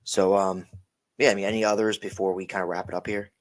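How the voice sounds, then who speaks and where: Tired, low-voiced man rambling casually. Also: level tone, quick pace. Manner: rambling, self-correcting. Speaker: podcast co-host. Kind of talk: casual chat.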